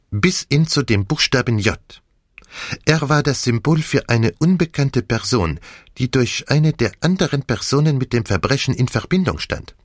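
A man's voice: medium pitch, dry recording, clean studio sound, pitched above the performer's own voice. A man voicing a fussy, commanding elderly Belgian detective who speaks German with a French accent in a precise, formal way. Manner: precise, formal, lightly theatrical.

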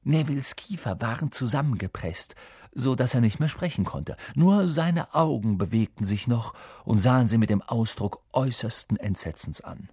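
A man reads a storybook aloud with expressive, lively swings in his pitch. His voice sits in a middle register. The sound is dry and close, with no room in it. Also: moderate pace, husky, no echo. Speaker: audiobook narrator. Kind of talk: storybook narration.

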